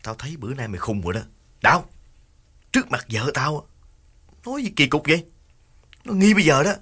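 A man's voice: fairly low pitch, normal speed. A man doing a snapping, irritated older brother. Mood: irritated, scolding. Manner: sharp, scolding, snapping.

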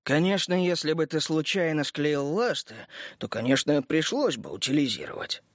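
A man reading an audiobook, voicing a gruff, hot-tempered army captain who talks bluntly. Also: on the high side, lively intonation, moderate pace, no room sound, studio quality, close to an everyday voice.

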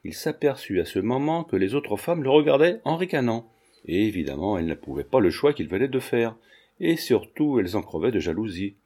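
A man reading a classic novel aloud as a measured, steady narrator. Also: fairly low pitch. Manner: measured, storytelling. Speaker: audiobook reader. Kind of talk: scripted narration.

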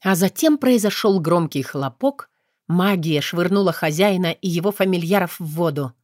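Woman reading a fantasy audiobook, expressive, dry close mic. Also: on the low side, normal speed, dry recording. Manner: expressive storytelling. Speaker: audiobook narrator.

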